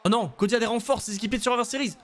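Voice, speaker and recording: A young man streaming a video game live, commenting casually with excited jokes and casual swearing, on a desk microphone at home. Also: very high voice, racing. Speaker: gaming streamer.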